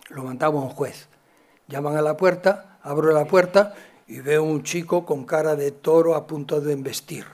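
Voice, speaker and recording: A man from gives a talk, telling stories from his work as a psychologist and acting out the dialogue with big swings in loudness. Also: fairly high pitch. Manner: animated, acts out dialogue with shifts in loudness. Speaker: psychologist and educator giving a talk. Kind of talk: storytelling lecture.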